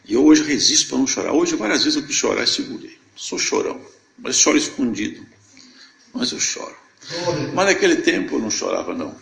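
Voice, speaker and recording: Older man with a gravelly voice giving a testimony. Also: medium pitch, big pitch swings, a little fast, a bit bright, reverberant, low-quality recording. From Brazil, Minas Gerais. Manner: storytelling that acts out remembered dialogue. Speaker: church member giving testimony. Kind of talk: emotional church testimony.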